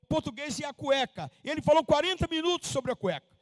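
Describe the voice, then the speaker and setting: High-voiced preacher in his seventies. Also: animated, dry recording. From Minas Gerais, Brazil. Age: 70s. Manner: slow emphatic scripture reading, rising to fervent preaching. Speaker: missionary pastor. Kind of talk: sermon.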